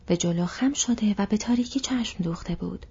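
A woman reading an audiobook in a steady, hushed, whispered narration. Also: medium pitch, husky, muffled recording.

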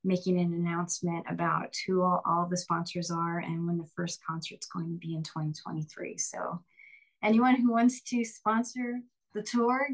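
A woman with a somewhat low voice chats easily in an interview. Her talk is upbeat and loose, full of little fillers and quick laughs. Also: fairly even intonation, rough recording. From Pennsylvania, Lehigh Valley. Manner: chatty, upbeat, often laughing, frequent fillers. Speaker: singer and bandleader, interview guest. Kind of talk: casual interview conversation.

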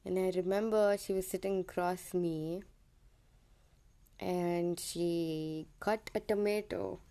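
On her own podcast, a young woman from India speaks in a low-leaning, dark-toned voice. Her accent is Indian English that drifts toward American. She talks about personal things in a hesitant way, repeatedly saying um and correcting herself.

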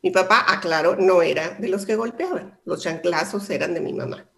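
Lady radio host, low-ish voice with lots of fry, chatty motivational storytelling. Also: normal speed, slight background noise. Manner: warm storytelling, addresses listeners directly. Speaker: host, life coach.

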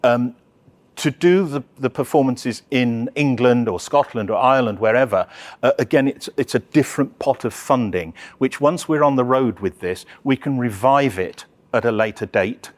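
A man presenting an opera project, answering audience questions in a chatty, halting way with many restarts. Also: mid-range voice. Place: live talk session.

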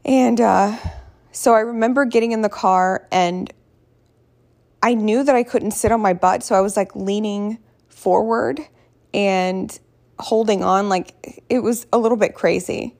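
A woman with a hoarse voice telling a personal story casually, in a candid, rambling, self-deprecating way. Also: mid-range voice, steady tone, measured pace, a little mellow. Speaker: vlogger.

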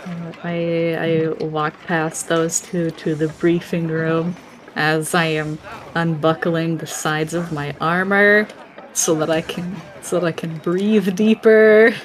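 A woman playing a tabletop role-playing game, describing her character's actions step by step in a measured way. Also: deep voice, flat delivery.

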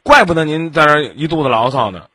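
A man's voice: fairly high pitch, animated, fast, sharp tone, husky, no room sound, clean studio sound. A man with a Beijing accent hosting a relationship advice call-in, bluntly scolding with rhetorical questions. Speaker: advice show host.

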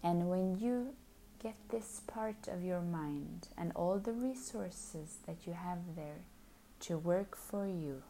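A woman guides a hypnosis session with a very slow, unhurried drawl. Her low, mellow voice is soft and soothing, often sinking into a breathy whisper, with a faint hiss or hum in the background.

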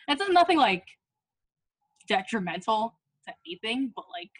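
A woman's voice: fairly high pitch, very animated, a little slow, a bit bright, breathy edge, low-quality recording. A young woman in casual chat, self-mocking, swearing freely and laughing often.

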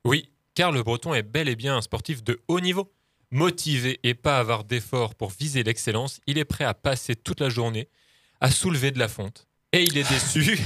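A man's voice: mid-range voice, a bit bright, no room sound. A man co-hosting, reading scripted comic narration in a dry, ironic way. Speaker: co-host narrator.

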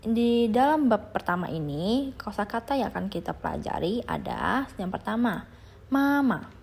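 A woman's voice: medium pitch, huge pitch swings, normal speed, creaky, a little mellow, slightly rough. A young adult woman teaching a patient beginner language lesson, leading listeners through repetition drills. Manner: patient, repeats drills, asks listeners to follow along.

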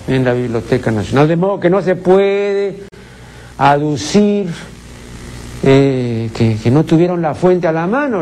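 A man's voice: on the high side, creaky, a little mellow, slight background noise. A man from Peru giving pedantic, indignant critical commentary, often asking rhetorical questions.

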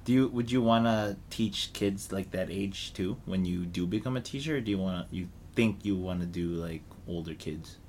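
A man hosting a casual podcast interview, laid-back and jokey, answering most replies with a quick "nice.". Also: sits low, a little mellow, slight background noise. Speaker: podcast host.

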